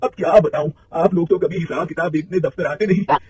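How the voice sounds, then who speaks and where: Man voicing a fatherly old clerk, worried, confiding, fairly high voice, cartoon story. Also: fairly even intonation, fairly quick, a little mellow, slightly rough, far from the mic. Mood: concerned. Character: old male company clerk, kindly and worried.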